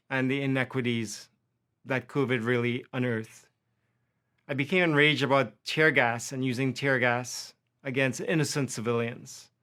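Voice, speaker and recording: A male university faculty lecturer with a Trinidadian accent delivers a prepared lecture, impassioned and building through long lists. His voice is smooth, a bit bright, and medium in pitch.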